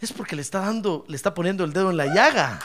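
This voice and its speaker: A man preaching a lively, humorous sermon as a pastor, speaking fervently, crying out praise and often calling his listener brother. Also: high-pitched, quick pace, a little hiss or hum. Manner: fervent, jokes, cries out praise, keeps addressing "hermano".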